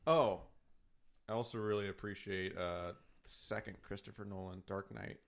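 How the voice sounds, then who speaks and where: A man's voice: on the low side, steady tone, moderate pace, creaky. A young man hosting a casual chat show, talking enthusiastically and rambling. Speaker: podcast host.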